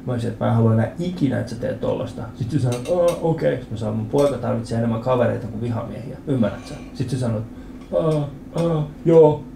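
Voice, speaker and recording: A man in his thirties doing a stand-up comedy set in a club, telling stories with animated acted-out voices and lots of swearing. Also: medium pitch, creaky, slight background noise. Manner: animated storytelling, acts out quoted voices, swears freely. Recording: roomy club with audience laughter.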